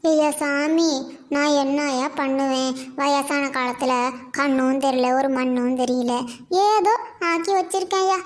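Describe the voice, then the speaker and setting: A woman's voice: high-pitched, measured pace. Woman doing a grumbling old village granny. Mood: pleading. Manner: grumbling, scolding. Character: elderly village grandmother, nagging and sharp-tongued. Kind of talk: cartoon voice acting. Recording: roomy echo.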